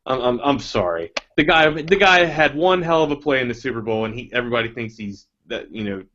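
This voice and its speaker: Man, podcast co-host, mid pitch, rambling and easygoing, dull muffled audio. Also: expressive, a little fast, a bit bright. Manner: rambling, many restarts and fillers, laughs easily. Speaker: fantasy football podcast co-host. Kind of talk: casual chat.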